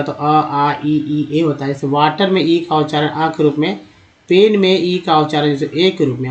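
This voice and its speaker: Male teacher, slightly high voice, drawn-out repetitive phonics lesson. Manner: slow, repeats words syllable by syllable; addresses viewers as friends. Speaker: English teacher.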